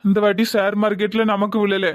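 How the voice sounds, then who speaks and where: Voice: medium pitch, little pitch movement, brisk, close to an everyday voice. An actor voicing a drunk sorry husband with a Tirunelveli lilt. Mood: glum. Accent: Tirunelveli Tamil. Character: drunk middle-aged husband who lost family gold. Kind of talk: comedy cartoon voice acting.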